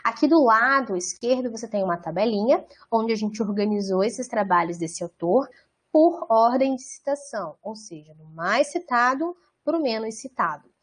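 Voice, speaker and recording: A Brazilian woman with a slightly high voice leads an online training session. She explains patiently and step by step. She keeps checking in with her listeners as she goes. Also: expressive, normal speed, breathy edge. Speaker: product trainer.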